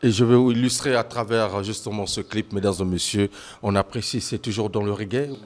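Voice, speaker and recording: A man's voice: fairly low pitch, fairly even intonation, a little fast. A man hosting a TV interview, formal and full of hesitant fillers, often addressing the audience. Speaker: TV host. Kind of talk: studio interview.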